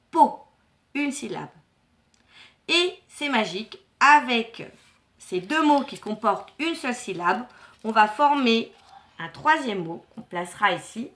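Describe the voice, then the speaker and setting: A woman teacher speaks to young children at an unhurried pace, with a slightly high, bright voice. She is encouraging and sounds out syllables carefully, repeating words so they can follow. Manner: warm, encouraging, slow and clearly articulated. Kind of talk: classroom lesson for young children.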